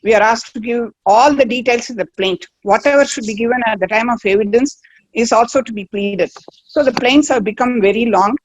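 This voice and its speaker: Indian English woman, advocate, earnest webinar remarks, high-ish pitch, no room echo. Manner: earnest, advisory, frequent pauses. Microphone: video call.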